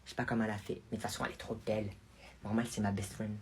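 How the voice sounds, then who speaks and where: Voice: mid-range voice, flat delivery, rapid-fire, slight background noise, close to an everyday voice. A performer voicing a chatty, boastful preteen girl cousin in a comedy sketch. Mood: gushing. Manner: gushing, chatty.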